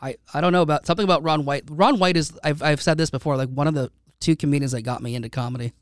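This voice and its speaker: Brief: male podcast host, smooth resonant voice, a bit high, rambling casual chat. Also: rapid-fire, no room sound, studio quality. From United States. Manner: rambling, with many restarts and fillers. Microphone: studio microphone.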